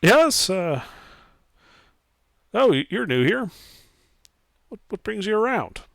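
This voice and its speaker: Man voicing a higher-pitched, welcoming middle-aged woman. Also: very animated, slow pace, creaky, fairly bright tone, no room sound, clean studio sound, full character voice.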